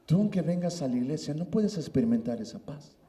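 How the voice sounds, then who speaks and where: A middle-aged man delivering a sermon as pastor, his pitch rising and falling with great liveliness. His voice is mellow and warm. He talks emphatically, often calling out to his listeners as brothers. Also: lively intonation, brisk, reverberant. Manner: emphatic, repeats "hermano" often.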